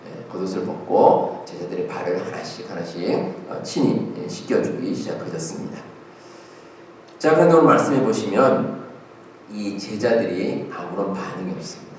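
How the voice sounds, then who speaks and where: A man's voice: fairly low pitch, slight background noise. A male pastor giving a conversational sermon with fillers and rhetorical questions. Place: church sanctuary. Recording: echoey church hall, mic at a distance.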